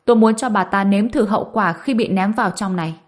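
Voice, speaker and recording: A woman voicing a young male cultivator hero in an audiobook, cold and sharp. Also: mid-range voice, a little fast, natural voice. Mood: cold anger.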